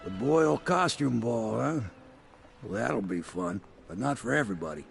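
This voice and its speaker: A man playing a gruff, loyal working boatman in a video game, with a gravelly voice and dry, folksy manner. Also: mid-range voice, animated, moderate pace, slight background noise. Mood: wry, cautioning. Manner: plain-spoken, dry, folksy.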